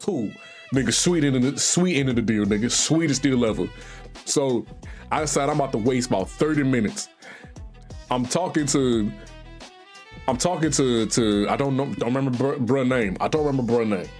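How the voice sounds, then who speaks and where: A man's voice: mid-range voice, normal speed, a little mellow. A young man with a Southern accent tells a long work story on his stream, loose, profane and full of slang. He jumps into the other people's lines as he goes, with faint music playing behind him. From Virginia, US. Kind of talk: casual storytelling.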